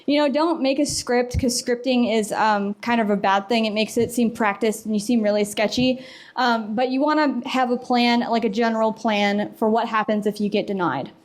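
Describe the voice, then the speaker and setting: A woman's voice: a little high, steady tone, moderate pace. A young woman from the US Midwest and South giving a casual conference talk, chatty and full of fillers, acting out bits of dialogue. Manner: chatty, filler-heavy, acts out quoted dialogue. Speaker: conference presenter. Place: conference room.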